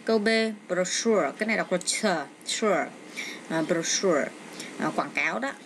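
A middle-aged English teacher walks through an exam step by step from home, a child nearby, with frequent hesitant fillers. Her voice is lowish and her speed normal. The home recording is noisy.

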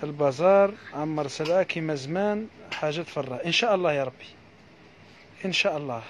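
A man with an Algerian accent giving a live sales pitch for housewares, reeling off prices in a quick patter full of repeated blessings. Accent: Algerian Arabic. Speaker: housewares shop seller.

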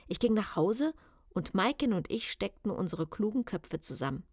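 A woman's voice: medium pitch, big pitch swings, normal speed, a little mellow, dry recording, clean studio sound. A woman reading a children's audiobook in a confiding, wry first-person voice. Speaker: audiobook narrator.

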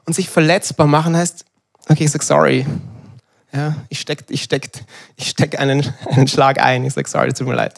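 Preacher, 30s, slightly higher voice, chatty and animated, sermon delivery. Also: male voice, moderate pace, vocal fry. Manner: lively, conversational, acts out dialogue.

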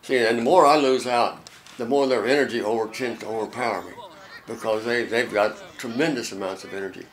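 Very old american guy in his late 80s, thinking back in an interview, stops and starts, normal pitch. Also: low-quality recording. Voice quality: very old man's voice. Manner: halting, with pauses and repeated words. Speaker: volunteer youth tennis coach. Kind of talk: reflective interview talk.

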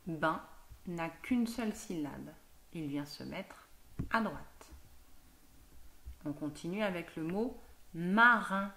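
A woman teacher giving a slow, patient phonics lesson to a young child, sounding out each word and syllable clearly. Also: lowish voice, animated, pushed and bright.

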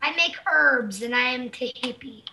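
High, bright, excitable girl far from the mic. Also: moderate pace, gravelly. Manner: excitable, stammering, repeats words. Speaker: gamer uploading a multiplayer session. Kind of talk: casual gameplay chat.

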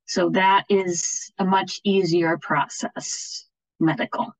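A woman with a lowish, fairly even voice speaks slowly while presenting an informal online webinar with slides to train education officials. Her style is plain and explanatory, with frequent check-ins. The recording is low quality but has no echo.

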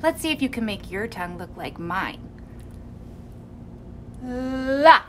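A young woman teaching small children speech in a playful, expressive way, modeling sounds and words slowly with exaggeration. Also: on the low side, slight background noise. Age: young adult. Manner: animated, expressive, gasping in mock surprise. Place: small indoor room with curtain backdrop.

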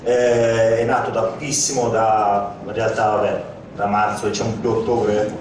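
A man's voice: lowish voice, level tone, measured pace, darkish tone, a little hiss or hum. A man introducing himself at a community event, hesitant and correcting himself as he speaks. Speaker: audience member introducing himself. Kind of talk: spontaneous self-introduction. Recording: very echoey hall, mic far off.

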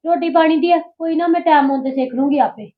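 A woman's voice: high voice, quick pace, close to an everyday voice. A young woman, playing a spoiled, sulky younger sister-in-law who complains a lot. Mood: complaining. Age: early 20s. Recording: dull lo-fi sound.

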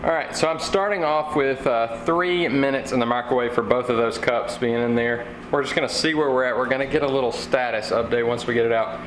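A young man hosts a casual how-to vlog from his home garage workshop, relaxed and chatty, thinking aloud with fillers as he works. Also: mid-range voice, brisk, hardly any pauses. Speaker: fishing channel host. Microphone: camera mic. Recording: echoey garage with background noise.

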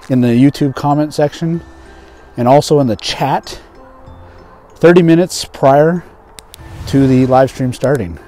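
Speaking at medium pitch with a dark tone, a male English teacher in his thirties hosts a video lesson. He plays out conversational skits and walks through the meaning of idioms.

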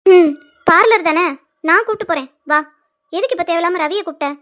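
A resentful young woman in a cartoon serial, very high and thin in tone. She talks in a cutting, scornful way. Every remark has an edge. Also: fairly quick, fairly bright tone.

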